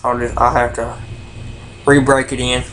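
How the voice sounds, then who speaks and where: A man's voice: medium pitch, normal speed, poor audio. A man talks with a pipe in his mouth, casually talking through each step of a how-to demonstration. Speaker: pipe hobbyist. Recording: steady background noise.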